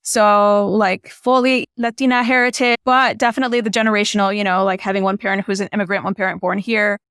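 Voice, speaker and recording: A filmmaker guest from Illinois, USA, whose first language is Spanish, tells stories in a chatty, casual conversation, filling her speech with "you know" and "like." Her mid-range voice stays fairly flat in pitch and sounds quick, slightly bright, clear, and resonant. The studio-quality recording has no room sound.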